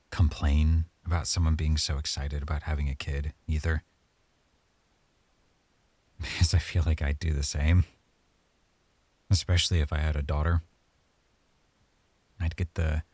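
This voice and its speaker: This very deep male voice, recorded with no echo, belongs to a man acting as a tender, hesitant young boyfriend for ASMR. He speaks quietly and falteringly as his thoughts unfold, in a playful, musing mood.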